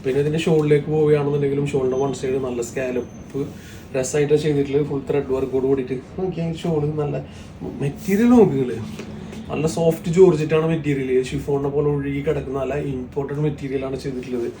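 A man's voice: mid-range voice, fairly even intonation, quick pace, mellow. Roomy-sounding Kerala man mixing in English. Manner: mixes many English words into Malayalam; repetitive, salesy patter with frequent tag words. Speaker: shop presenter selling women's outfits. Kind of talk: sales pitch showing products. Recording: roomy, distant mic, faint background noise.

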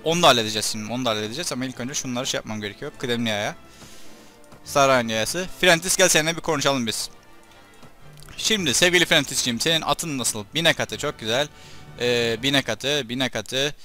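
A young man giving casual commentary over his gameplay, chatting to his troops and breaking into loud excited shouts during fights. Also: mid-range voice, fairly quick, faint music behind. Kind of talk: let's play commentary.

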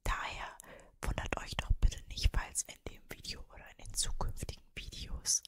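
A woman in her early twenties with a Mannheim German accent, whispering casually in an ASMR style, very close to the microphone. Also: moderate pace. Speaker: ASMR creator and streamer. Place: cosy bedroom, indoors. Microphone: desktop microphone, very close.

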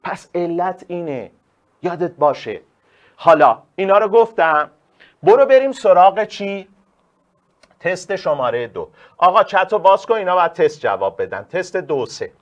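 A male teacher giving a live online class, animated and emphatic, calling on students by name. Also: high voice, highs cut off.

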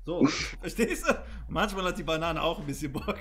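A man hosting a prank video chat, talking casually in slang and teasing strangers in a low, conspiratorial way. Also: a little fast, fairly bright tone.

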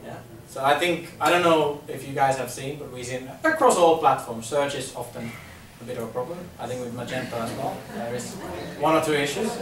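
Crowd noise surrounds a brisk, mid-range male voice: a Finnish-accented presenter in his thirties from Finland giving an informal business talk in a conference room. He chats along, repeating words with many ums, recorded by a far camera without a mic in an echoey room with a faint hum.

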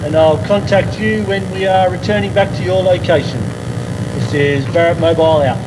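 A man's voice: sits high, moderate pace. A man calling a base station over a two-way radio from a vehicle on a bush track, using clipped, formal radio-check phrasing and ending each turn with "over". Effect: talking over a two-way radio handset. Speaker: radio operator in a moving vehicle. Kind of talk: radio call protocol, ending turns with "over". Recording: distant, noisy playback of a video in a room. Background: engine and road noise.

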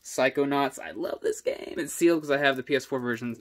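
A young man casually running through his video game collection, giving quick offhand comments on each title. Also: medium pitch. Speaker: gaming YouTuber.

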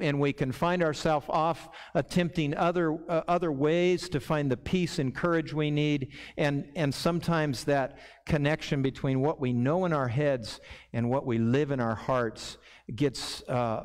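Earnest middle-aged pastor in a reverberant church. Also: male voice, a little high. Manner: earnest, repeats words when starting a thought. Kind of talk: sermon. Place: church sanctuary. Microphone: lectern microphone.

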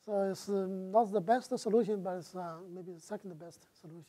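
A middle-aged guest lecturer from China takes audience questions in a lecture hall on a lapel mic, speaking haltingly with a Chinese accent, many "uh" fillers, and restarts. His voice sits high with a warm tone, and there is slight background noise.

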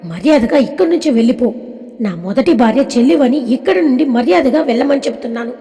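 A stern, protective husband and father, read by a woman narrator, scolding firmly. The voice stays high and soft-toned, with a long reverb behind it. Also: expressive, quick pace. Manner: scolding, firm.

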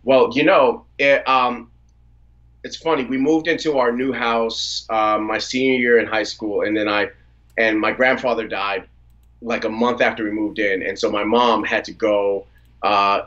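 A rapper in his thirties from the Washington DC area, United States, joins a video-call interview as a guest, relaxedly telling stories about his family and career and laughing easily. His voice is on the low side, and the audio from his phone or laptop sounds muffled.

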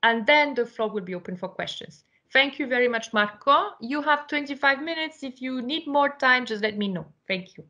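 A woman's voice: high voice, animated, normal speed, pushed and bright, muffled recording. A woman moderating a webinar over a video call, introducing the speaker with a hesitant manner and frequent fillers.

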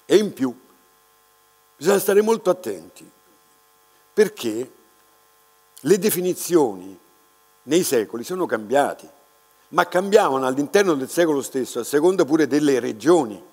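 An older art restorer stands at a lectern in a large, dark hall, giving a slow, unscripted talk to an audience, reflective and often pausing to restart his words. His voice is fairly high, very animated, a little mellow, with a breathy edge. The lectern mic picks up the hall's reverb and a mains hum.

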